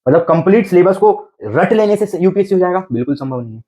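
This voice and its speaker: A man's voice: sits high, animated, fast talker, warm tone. A man teaching an exam preparation class, coaxing his students with repeated rhetorical questions and frequent check-ins. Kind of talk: exam coaching lecture.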